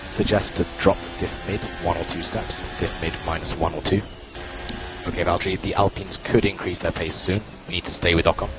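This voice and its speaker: A man working as a race engineer on team radio, giving calm, clipped spotter-style instructions and repeating key calls. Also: sits low, brisk. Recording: radio transmission with loud music behind.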